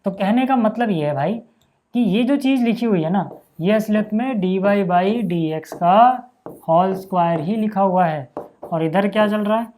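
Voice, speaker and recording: A mellow, high-pitched male voice at a measured pace, with slight background noise. He teaches math casually and step by step, talking chattily to students he calls "भैया" and "भाई" and frequently checking in with "है ना" and "यार".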